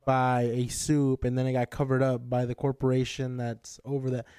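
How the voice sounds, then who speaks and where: A man co-hosting a podcast in casual, rambling chat, swearing and clearing his throat often. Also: medium pitch, little pitch movement, normal speed, dark tone, dry recording, clean studio sound. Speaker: podcast co-host.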